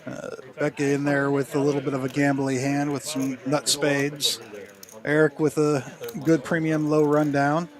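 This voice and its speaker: A man with a slightly high-pitched voice commentates a live card game. He talks in a measured, halting way, calling the action piece by piece. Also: flat delivery. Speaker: poker stream commentator.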